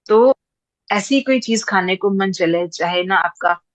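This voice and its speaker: A woman's voice: medium pitch, slow, dry recording, dull audio. A woman teaching a class, explaining patiently and repeating points with everyday examples. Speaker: teacher of breath practice.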